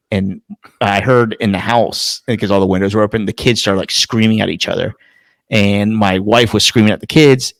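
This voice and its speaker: Gravelly low-voiced man rambling on a podcast. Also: fairly bright tone, no echo. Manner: rambling, swears freely. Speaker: podcast co-host. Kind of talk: casual chat.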